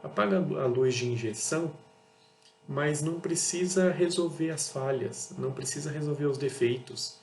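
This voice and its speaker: His voice is on the high side, moderately paced and a little mellow as this Brazilian auto parts seller and channel host talks bluntly in a casual monologue. With a Brazilian Portuguese accent, he repeats points and reenacts exchanges with customers. Soft music plays in an echoey room with a faint hum.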